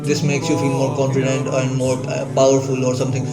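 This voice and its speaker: An earnest young student offers casual self-help advice to the camera, his medium-pitched voice monotone and a little fast. He repeats "bro" and "like" and makes small restarts, while the distant mic picks up nasheed vocals clearly playing as background music beneath him.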